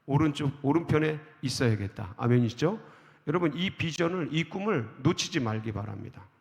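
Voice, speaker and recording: A man's voice: on the high side, lively intonation, brisk, creaky. A male pastor preaching a sermon at an early-morning church service. He keeps asking the congregation questions, answers them himself, and reads scripture verses aloud. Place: church sanctuary. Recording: long hall reverb of a church.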